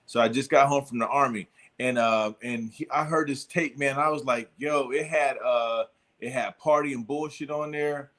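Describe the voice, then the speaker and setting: A man's voice: medium pitch, steady tone, normal speed, a bit bright. A middle-aged man hosting a casual chat, telling a long story with lots of fillers and restarts. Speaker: podcast host.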